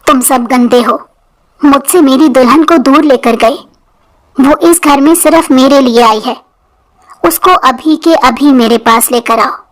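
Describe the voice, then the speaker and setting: A woman's voice: high-pitched, lightly acted. A woman voicing a childlike grown man, raised and whiny. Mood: demanding. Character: childlike grown man, mentally unwell, clingy and stubborn.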